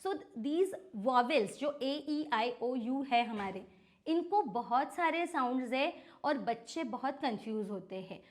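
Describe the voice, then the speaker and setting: An Indian woman who teaches phonics, explaining as a podcast guest in a mix of Hindi and English and slowly spelling out letters to make her point. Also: high-pitched, expressive. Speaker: phonics educator and franchise owner.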